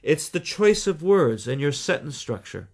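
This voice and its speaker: A Canadian man talking as a guest in a radio interview, explaining things in a measured way with deliberate pauses. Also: a little high, big pitch swings. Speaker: guest, communication trainer.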